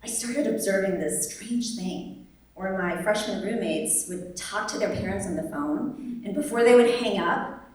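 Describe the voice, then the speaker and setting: A woman's voice: mid-range voice, a little slow. Wry woman telling a story in an echoey hall. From born in Vietnam, raised in the United States. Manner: wry and humorous, animated, lively quoted voices. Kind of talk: live personal storytelling on stage. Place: large echoey venue at a live event. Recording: echoey hall, distant mic.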